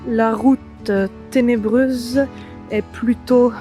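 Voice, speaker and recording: A woman's voice: fairly high pitch, steady tone, extremely slow, mellow, soft background music. A woman from the Yvelines, chatting casually while hiking through a forest, thinking aloud with plenty of fillers. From Yvelines, France. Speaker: travel vlogger. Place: forest trail outdoors.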